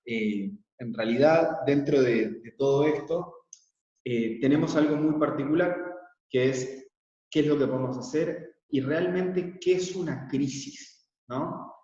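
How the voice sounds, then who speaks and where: A man born in Israel leads an online workshop in a calm, explanatory way, pausing often on filler sounds. His voice sits at an ordinary pitch. It comes through a dull, lo-fi call line from a distance, with a heavy room echo and a long reverb. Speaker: workshop facilitator. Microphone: laptop mic on a video call. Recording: echoey, distant, dull video call audio.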